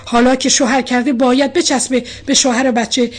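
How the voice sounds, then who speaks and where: A woman's voice: high-pitched, level tone, breathy edge. A woman voicing an angry, stern older male colonel who scolds his daughter in a storybook reading. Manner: shouting, scolding.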